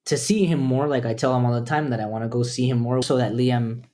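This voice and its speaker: Man from Costa Rica, podcast guest, earnest, measured, mid-pitched. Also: steady tone, darkish tone. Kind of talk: reflective interview talk.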